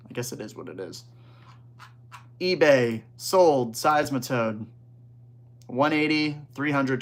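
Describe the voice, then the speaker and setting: A man's voice: medium pitch, gravelly. Laid-back man chatting on a livestream. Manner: reads chat aloud and reacts, relaxed slangy banter. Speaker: livestream host. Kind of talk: casual livestream chat.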